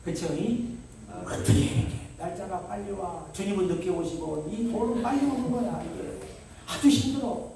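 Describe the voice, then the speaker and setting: Middle-aged male pastor, revival sermon, jokes and shouts, roomy church hall sound. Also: high voice, moderate pace, vocal fry, slight background noise. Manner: animated, joking, shouts mid-sermon. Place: large church sanctuary. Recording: very echoey church hall from far off.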